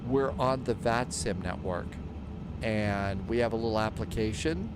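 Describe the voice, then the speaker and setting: A man's voice: on the low side, unhurried. Casual man streaming over engine noise. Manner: thinks aloud while narrating his steps. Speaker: flight simulator livestream host. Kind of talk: casual livestream commentary. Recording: clear aircraft engine noise behind. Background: simulator aircraft noise.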